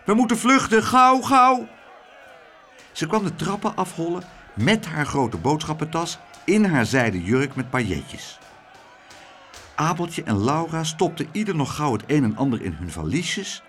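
A man reading a children's storybook aloud in an expressive, animated storytelling way. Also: fairly high pitch, moderate pace, a little hiss or hum. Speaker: narrator.

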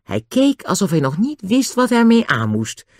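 A narrator reading a children's storybook aloud with expressive, animated narration. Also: mid-range voice, moderate pace, no room sound, studio quality. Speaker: audiobook narrator.

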